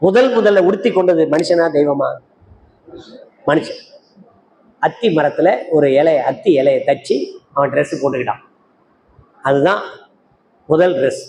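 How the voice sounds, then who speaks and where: A man's voice: a little high, measured pace, creaky, long pauses, a little mellow. An older man preaching a sermon as an evangelist, firing rhetorical questions at the congregation and calling out to listeners by name. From Tamil Nadu, India. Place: church meeting hall. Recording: echoey hall with faint noise.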